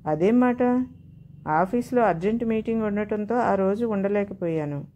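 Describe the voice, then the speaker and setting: A woman's voice: mid-range voice, a little mellow, lo-fi sound, lightly acted. A woman voicing a proud young working wife who argues heatedly with her husband. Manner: heated, indignant pleading.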